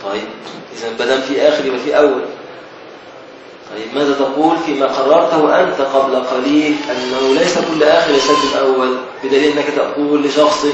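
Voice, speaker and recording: A man's voice: on the high side, dull audio. Egyptian man, sheikh's lesson, repeats words, far from the mic, noisy, very echoey. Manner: explains slowly, repeats key words, asks students questions. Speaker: sheikh teaching a classical text. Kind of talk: Islamic scholarly lesson. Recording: echoey distant recording with noise.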